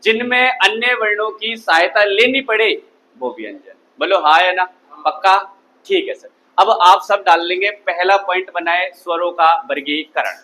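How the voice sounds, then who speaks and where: A man's voice: sits high, normal speed, sharp tone, low-quality recording. A man teaching a Hindi grammar class, constantly quizzing his students with call-and-response questions. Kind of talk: classroom lecture.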